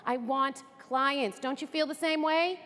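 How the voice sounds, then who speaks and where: A woman from the Greater Boston area speaks a little slowly in a high, slightly bright voice, with a bit of background noise. She's giving an enthusiastic, chatty training presentation on stage, and the hall is echoey.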